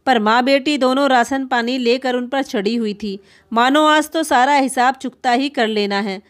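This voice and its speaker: Brief: female storyteller, earnest, even, slightly high voice. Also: normal speed. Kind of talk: scripted narration.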